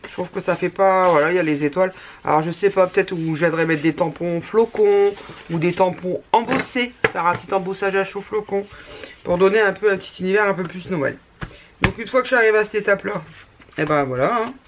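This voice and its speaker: A woman's voice: lowish voice, a little fast, noisy background. A woman with a northern French ch'ti accent chatting through a craft tutorial, rambling with many restarts. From northern France. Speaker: scrapbooking YouTuber. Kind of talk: casual craft tutorial chat.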